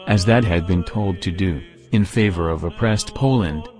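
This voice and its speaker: Low-voiced man narrating history. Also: normal speed, darkish tone, faint music behind.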